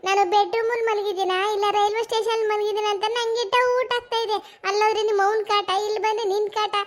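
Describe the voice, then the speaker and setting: Lady doing a cranky young daughter-in-law cartoon voice, really high and snappy. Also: little pitch movement, quick pace. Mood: exasperated. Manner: snappy, exasperated retorts. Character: fed-up young daughter-in-law, sharp-tongued and sleepy. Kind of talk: cartoon comedy voice acting.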